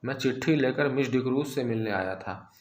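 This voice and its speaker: A brusque, hot-tempered young man speaks at an ordinary pitch, read by a male narrator. He sounds blunt and ready to argue, and the room adds a noticeable echo. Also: moderate pace, natural voice. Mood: explaining. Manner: brusque, scolding.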